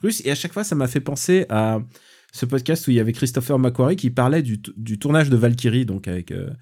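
A man with a middle-pitched voice talks through a film in a loose, casual podcast chat. He gets animated, swears freely and keeps trailing off and starting over as he riffs. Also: fast talker, slightly rough. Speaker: podcast co-host reviewing a film.

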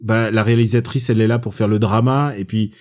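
A man co-hosting a casual film review chat, opinionated and gently teasing. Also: fairly low pitch, steady tone, quick pace.

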